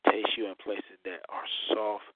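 Man reciting sensual poetry, soft, right in your ear. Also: fairly low pitch, flat delivery, no echo. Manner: soft, slow, breathy, close in the ear, sensual. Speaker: host of a live poetry show. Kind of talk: intimate spoken-word poetry recital. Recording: tinny, narrow-band radio-like line.

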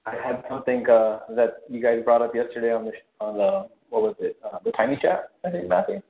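Fields: Sex: man. Role: caller. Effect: call line breaking up, voice cutting out. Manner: hesitant, halting. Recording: tinny phone line. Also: medium pitch, creaky, echoey room. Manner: hesitant, many ums and uhs. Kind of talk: casual call-in chat. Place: at work on a lunch break.

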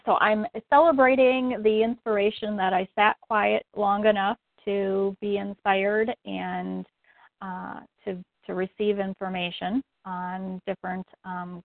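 A woman speaking hesitantly on a coaching call, pausing often with fillers. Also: mid-range voice, gravelly, no echo. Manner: hesitant, many ums. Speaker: coaching student. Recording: tinny phone line.

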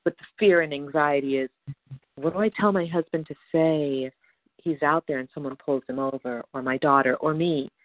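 A woman seeking advice speaks on a phone call in a low voice at normal speed, her anxious talk running on in long, meandering stretches. The tinny line is dry, without room sound.

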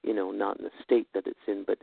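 Gravelly-voiced man on a tinny phone line. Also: fairly low pitch, flat delivery, no room sound. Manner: halting, earnest, says "eh" and "you know". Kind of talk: casual heartfelt chat about faith.

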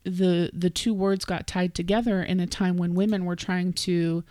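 A woman's voice: on the low side, fairly even intonation, normal speed, mellow, no echo, clean studio sound. A woman co-hosting a podcast in casual chat, thinking aloud with fillers. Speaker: podcast co-host.

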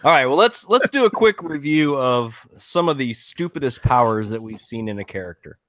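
A man co-hosting a podcast in casual chat, laid-back and quick to laugh. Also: medium pitch, big pitch swings, fairly bright tone. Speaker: podcast co-host.

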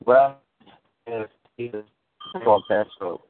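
Speaking slowly in a lowish voice, a male pastor delivers a sermon by call. He pauses to check on his listeners and often starts phrases over, while the thin line keeps breaking up.

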